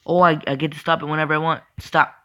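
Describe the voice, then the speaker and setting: Bright excitable young guy commentating a game. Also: on the high side, fast, smooth. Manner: chatty, excitable, apologetic, talks to viewers. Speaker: gaming channel host. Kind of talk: casual gameplay commentary.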